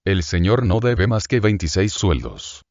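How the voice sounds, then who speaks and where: A man voicing a calculating middle-aged male innkeeper who feigns warm affection, in an audiobook reading. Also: low-pitched, big pitch swings, moderate pace, no echo, dull audio. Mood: falsely tender. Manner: falsely kind, sentimental, calculating.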